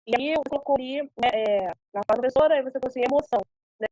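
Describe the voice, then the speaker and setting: A woman's voice: high-pitched, fast talker, warm tone, no room sound, low-quality recording. A woman moderating an online academic seminar, talking hesitantly with many fillers and tag questions.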